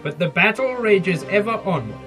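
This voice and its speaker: A man's voice: sits high, expressive, normal speed, sharp tone, faint music behind. A man playing a melodramatic heroic fish editor. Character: earnest heroic male fish newspaper editor. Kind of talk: comedy audio drama.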